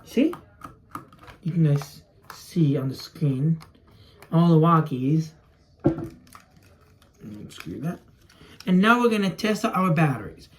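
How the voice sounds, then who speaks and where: The speaker is a young adult toy video creator, native in Spanish, recording in a small room at home amid clear background noise and clicking. His voice is a little high with lively intonation, slow and marked by long pauses, as he casually rambles while demonstrating to camera.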